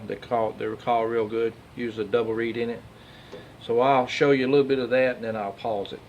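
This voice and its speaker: At a workshop lathe, a Southern-accented man shows how to make duck calls in a relaxed, plain-spoken, hands-on tutorial. He has a medium-pitched voice, the audio is dull, and loud machinery and workshop noise fill the background.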